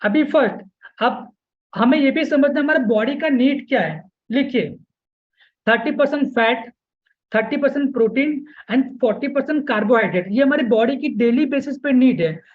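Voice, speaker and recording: Over narrow, tinny audio, a man with a very high voice speaks at a measured pace while coaching weight loss in a live online webinar. His Hindi carries English words, and he keeps checking in by repeating "okay?" and "yes."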